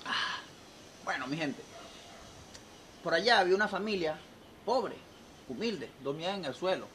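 A man casually telling a joke in an animated, chatty way, checking in with his listeners. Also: high-pitched, unhurried. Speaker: joke teller. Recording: noisy background.

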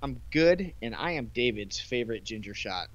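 A man's voice: medium pitch, lively intonation, a bit bright, a little hiss or hum. Wisecracking male co-host, dull sound. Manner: quick, wisecracking, trailing off. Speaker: podcast co-host, photography mentor. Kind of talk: casual live podcast banter.

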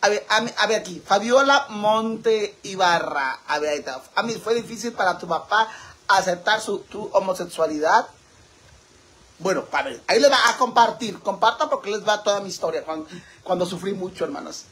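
Campy high-voiced Mexican man streaming. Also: expressive, moderate pace, pushed and bright. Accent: Mexican Spanish. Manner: flamboyant and campy, calls viewers "sisters", laughs often. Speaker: livestream host reading viewer comments. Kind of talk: casual livestream chat.

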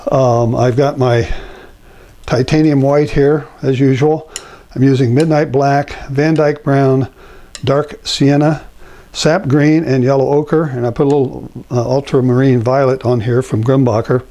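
An older man who teaches painting gives a laid-back, rambling easel demonstration, sprinkled with lots of fillers. He speaks at a measured pace with medium pitch, and the audio comes from a lapel mic in his home studio.

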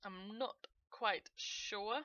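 Bright-voiced woman narrating her gameplay. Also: mid-range voice, very slow, no echo, highs cut off. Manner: chatty, giggly, narrates each click. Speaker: gaming channel host. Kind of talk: let's play gameplay commentary.

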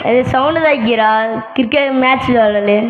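A woman putting on a rowdy young son who shouts for the cricket match to be put on. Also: a little high, fairly quick, slight background noise, lightly acted. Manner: shouty, bossy. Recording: tinny phone-like sound from a distance.

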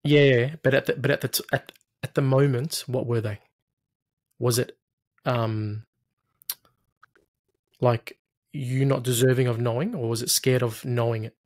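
A man in his thirties with a medium-pitched voice, recorded dry. He guides a client as a therapist, asking patient questions and offering steady reassurance. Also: normal speed, dry recording. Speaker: hypnotherapist, coach. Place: small room, video call.

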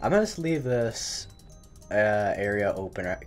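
A man's voice: fairly low pitch, very animated, a little slow, soft background music. Rambling young man narrating a Minecraft build. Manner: rambling, stumbling over words, mild swearing at mistakes; self-mocking, chatty. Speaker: gaming channel host. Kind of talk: live Minecraft building commentary.

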